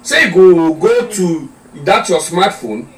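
Man acting animated Nigerian Pidgin-speaking doctor, roomy sound. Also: sits high, slow, crowd noise. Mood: firm, reassuring. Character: male doctor, patient, firm, reassuring adviser. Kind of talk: radio drama acting. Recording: roomy, distant mic, people chattering behind.

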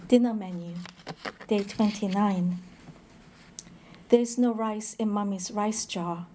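A woman reads poetry aloud in a slow, measured way, stopping now and then to introduce a piece with hesitant fillers. Her voice is dark and mellow, and her pitch sits in a middle range. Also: a little hiss or hum. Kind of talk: poetry reading with brief spoken introductions.

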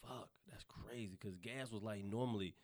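A man from North Carolina with a Southern accent, telling profane, animated stories in a casual podcast chat. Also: on the low side, moderate pace, slight background noise.

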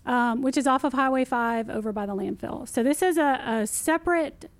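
A woman's voice: high-pitched, normal speed, dry recording. Upbeat woman explaining. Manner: lively, emphatic, repeats key phrases. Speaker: city recycling guest expert. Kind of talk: casual explanatory interview talk.

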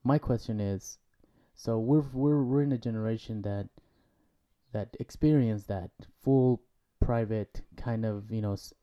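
A man's voice: on the low side, measured pace, mellow, muffled recording. A man in his thirties hosting a podcast, asking questions in a casual, hesitant way as he works them out. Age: 30s. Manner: casual and hesitant, many fillers while forming questions. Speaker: podcast host. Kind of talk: conversational interview.

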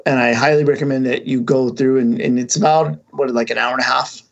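A man's voice: mid-range voice, fairly even intonation, a little fast, creaky, dull audio. A man co-hosting a podcast, talking casually and rambling, with many restarts and fillers. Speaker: podcast co-host. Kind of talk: casual chat.

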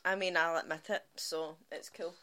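Bright-voiced Scottish woman, laughing a lot. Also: deep voice, normal speed. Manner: laughs often, animated storytelling. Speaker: podcast co-host. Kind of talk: casual chat.

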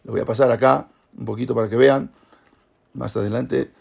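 Husky, gravelly man teaching a class. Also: mid-range voice, fairly quick, lo-fi sound. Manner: lively retelling that acts out the characters' voices. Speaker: religious teacher. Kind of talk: Torah class storytelling.

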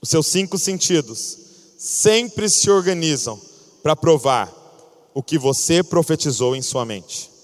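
A male preacher delivers an animated sermon and acts out little scenes as he goes. His voice is high-pitched. It rings with the long reverb of a large church hall. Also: unhurried. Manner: animated storytelling, acting out scenes.

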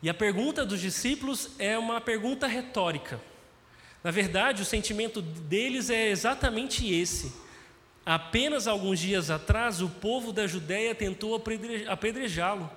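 A man's voice: high-pitched, normal speed, fairly bright tone. A man preaching a sermon, telling the story and acting out its scenes. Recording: long hall reverb.

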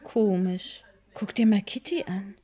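An actress playing a mother telling an eerie tale in a hushed, suspenseful children's audio drama. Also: medium pitch, a little slow, close to an everyday voice. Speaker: Jan's mother, telling her story.

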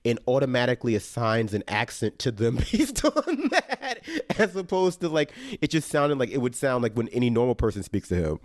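A young man hosting a casual podcast chat, talking loosely with lots of fillers and bursting into animated, laughing asides. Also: mid-range voice, fairly quick, few pauses, no echo, studio quality. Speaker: podcast host.

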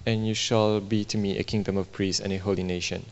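A man's voice: on the low side, flat delivery, a little fast, dull audio. A man interpreting a sermon line by line into English, copying the preacher's emphasis and making small grammar slips. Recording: reverberant church hall.

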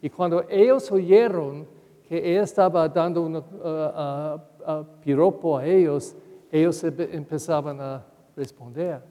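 An older man preaches a Sunday homily as parish priest, telling anecdotes at an unhurried pace. His voice sits fairly high and sounds mellow and soft-edged. A long church reverb trails each phrase.

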